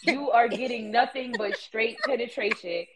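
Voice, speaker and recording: Brief: woman co-host, fairly high voice, bossy comic riffs, friends laughing around her. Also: normal speed, a crowd in the background, low-quality recording. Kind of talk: casual chat.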